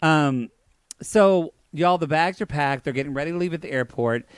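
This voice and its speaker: A man co-hosting a casual podcast recap, retelling scenes with wry, deadpan quips. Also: fairly high pitch, normal speed, clear, resonant tone, no room sound, studio quality. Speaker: podcast co-host.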